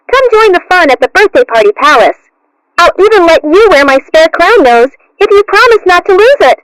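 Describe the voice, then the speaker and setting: A childish cartoon clown kitten with an extremely high, swooping voice. She is cheerful and bubbly, like a children's party entertainer. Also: poor audio. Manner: bubbly children's-show presenter patter. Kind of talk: cartoon character acting.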